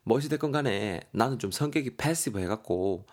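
A man's voice: mid-range voice, expressive, fairly quick, close to an everyday voice. A man voicing a young man with an upset stomach, groaning and chatting casually. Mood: chatty.

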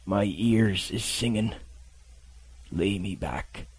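A man voicing a gruff, dying old sea captain who murmurs slowly in rough sailor's speech, his voice weak and faint. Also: lowish voice, full character voice. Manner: slow, murmuring, at times whispered.

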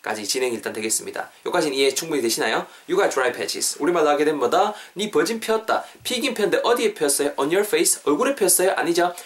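A man hosting a podcast English lesson. He repeats English phrases slowly and explains them quickly. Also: fairly high pitch, lively intonation. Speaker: English teacher, podcast host.

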